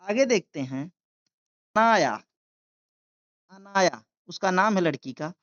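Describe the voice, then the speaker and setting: Indian woman, reading teacher, very slow word-by-word delivery, spells and repeats each word, muffled lo-fi sound. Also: on the low side, lively intonation. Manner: spells words letter by letter, repeats each word, explains in Hindi. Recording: dull lo-fi sound.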